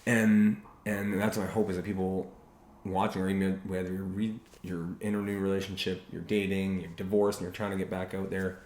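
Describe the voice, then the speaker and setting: A very deep-voiced man hosts a relaxed podcast chat about relationships. He talks in an earnest, careful way and often restarts his sentences. The room around him is echoey, with a faint hiss underneath. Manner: earnest, speaks slowly and carefully. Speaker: podcast host. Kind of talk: casual relationship talk.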